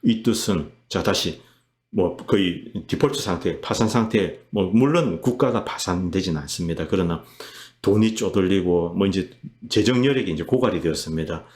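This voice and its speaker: Guy hosting his own commentary show, really deep voice, punchy and emphatic. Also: expressive, normal speed, a little mellow. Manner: emphatic, reenacts quotes in a heated voice. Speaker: commentary channel host. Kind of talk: political commentary monologue.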